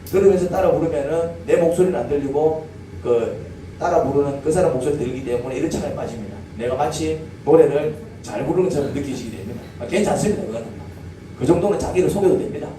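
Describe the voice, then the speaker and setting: In a church sanctuary, a male pastor preaches to his congregation in a quick, dark-toned voice on the high side. He asks them questions and draws call-and-response replies. The recording is echoey, with a distant mic and background noise.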